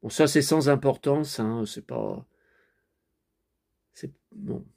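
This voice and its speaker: A male vlogger reviewing a DVD talks slowly in a medium-pitched, gravelly, slightly mellow voice with huge pitch swings. Chatty throughout his running commentary, he keeps turning to viewers with tag words and mutters to himself when flustered.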